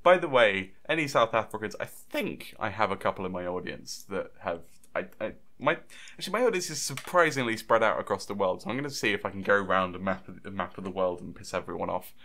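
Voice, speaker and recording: Low-voiced young man, rambling. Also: expressive, fast talker, hardly any pauses, sharp tone. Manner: rambling, stop-start, laughs often. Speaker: podcast host. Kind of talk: casual chat.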